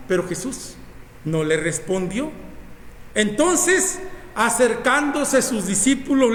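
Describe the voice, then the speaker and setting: High-voiced Mexican preacher in echoey church. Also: male voice, slight background noise. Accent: Mexican Spanish. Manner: emphatic preaching, repeats scripture verses, rises when voicing pleas. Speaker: pastor. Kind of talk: sermon. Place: church sanctuary.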